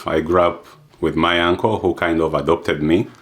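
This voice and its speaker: A young adult man from Uganda giving a reflective personal testimony, unhurried, with frequent fillers and restarts. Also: low voice, steady tone, a bit bright. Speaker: adoptee sharing experience.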